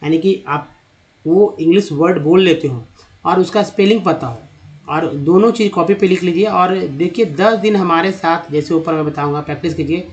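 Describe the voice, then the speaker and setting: Male phonics tutor, slightly high voice, patient drawn-out sounding-out of words, chatty toward viewers. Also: dull audio. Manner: repeats vowel sounds and addresses viewers as friends. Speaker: English teacher. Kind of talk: Hindi-language phonics lesson.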